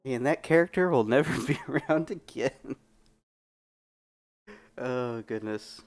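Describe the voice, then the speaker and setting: A man playing a video game for an audience, reading text aloud and chatting, hoarse from allergies and self-deprecating. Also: mid-range voice, slow pace. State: hoarse, throat strained by allergies. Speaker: gamer playing blind. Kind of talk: let's play commentary and reading game text.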